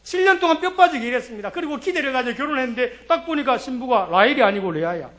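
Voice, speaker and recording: A man's voice: extremely high pitch, expressive, quick pace, a bit bright. A male pastor preaching a sermon, telling a story and asking the congregation rhetorical questions.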